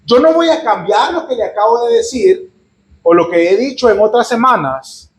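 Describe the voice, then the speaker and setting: A pastor with a fairly high voice talks his way through a sermon in a relaxed, chatty manner. He keeps checking in with his listeners and drops in light, humorous asides. The sound is roomy and echoey, as in a church hall. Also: normal speed. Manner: chatty, often asks "¿verdad?" and adds humorous asides. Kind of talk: conversational sermon with Bible reading.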